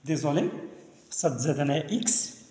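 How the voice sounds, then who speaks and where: A man's voice: a little high, dark tone. Man teaching French with a Moroccan accent. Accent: Moroccan Arabic. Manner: reads French words slowly and repeats them, addresses listeners as brothers. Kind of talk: language lesson explaining in Arabic. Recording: echoey room with long reverb.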